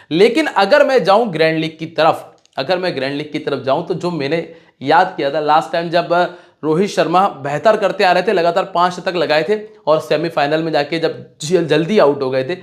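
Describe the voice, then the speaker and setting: A man talking casually to his viewers, giving fantasy cricket predictions and rattling off match stats. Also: fairly high pitch. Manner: chatty, direct address to viewers, rattling off stats.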